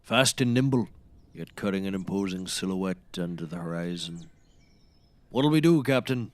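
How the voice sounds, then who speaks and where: Man as Squint, grandiose lowish-voiced seafaring woodsman. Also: expressive, normal speed, no room sound. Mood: grandly eager. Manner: declamatory, salty nautical bombast. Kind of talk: scripted comedy audio acting.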